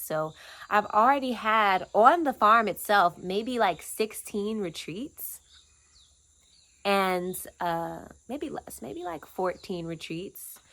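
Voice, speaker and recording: A woman in her twenties from Atlanta talks in a casual, earnest, reflective vlog about the off-grid cabin where she lives, speaking in short, unhurried phrases. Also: mid-range voice, a bit bright. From Atlanta, Georgia, USA. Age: 20s. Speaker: vlogger and land steward. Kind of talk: casual personal vlog talk.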